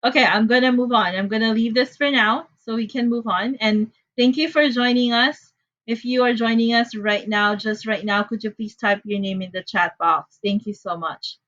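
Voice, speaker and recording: A woman from the Philippines with a Filipino accent teaches an online class in a chatty, apologetic way, using frequent fillers. Her fairly high, steady, slightly bright voice moves at normal speed, picked up by a computer mic on a video call that cuts off the highs.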